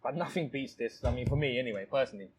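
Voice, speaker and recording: A restaurant owner, born in Thailand and living in London, tells stories casually as an interview guest, rambling, repeating phrases and saying "you know" a lot. His medium-pitched voice races along, with a little hiss or hum in the recording.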